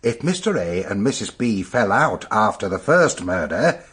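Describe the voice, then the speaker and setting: A British police superintendent in a radio mystery. He is brisk, official and methodical, with a husky voice and very lively intonation. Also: on the low side, full character voice. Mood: reasoning. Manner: reasoning, formal. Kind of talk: radio drama acting.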